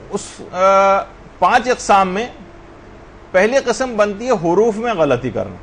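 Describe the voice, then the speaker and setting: A man's voice: sits high, slight background noise. A man giving a religious lecture, explaining recitation mistakes step by step and reciting short Arabic words as examples. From Pakistan. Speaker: religious teacher. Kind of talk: classroom lecture on prayer recitation.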